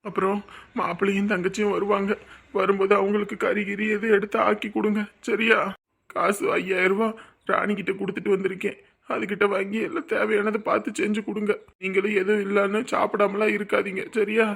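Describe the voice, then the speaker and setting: A man playing a dutiful village son who gently reassures his family before leaving for work. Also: high voice, little pitch movement, a little fast, vocal fry, slightly rough, exaggerated voice. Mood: reassuring. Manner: gentle, reassuring, repeats "சரியா?". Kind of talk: web drama acting.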